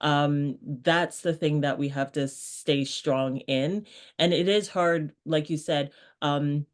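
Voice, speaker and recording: Animated woman chatting as interview guest. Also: low-pitched, slow pace. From Canada. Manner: animated, laughs often, acts out quoted voices. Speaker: guest, brand strategist. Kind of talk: casual interview chat.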